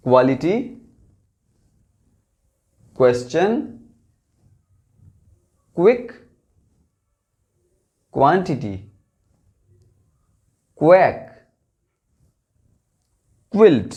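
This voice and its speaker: A man teaching English pronunciation in Hindi, slowly repeating each word for learners to echo back. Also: a little high, big pitch swings, warm tone, highs cut off. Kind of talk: pronunciation drill lesson.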